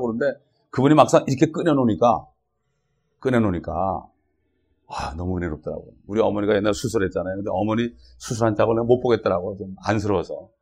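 A man delivering a sermon in a loose, conversational way. His voice is husky. He keeps turning to the congregation with short questions as he preaches. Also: fairly low pitch, fast, a little mellow. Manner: conversational preaching with frequent "어?" and "예?" checks. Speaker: pastor.

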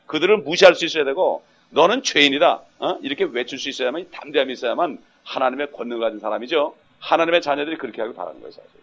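A man's voice: mid-range voice, lively intonation, rapid-fire, few pauses. A male pastor preaching a sermon emphatically, often breaking in with a questioning "eh?" to the congregation. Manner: emphatic, punctuates with rhetorical "eh?". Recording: dull lo-fi sound.

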